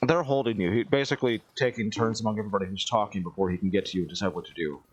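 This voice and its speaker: A man's voice: fairly low pitch, steady tone, rapid-fire, slightly rough, dry recording. A man running a tabletop role-playing game as game master over voice chat, stammering often and laughing a lot.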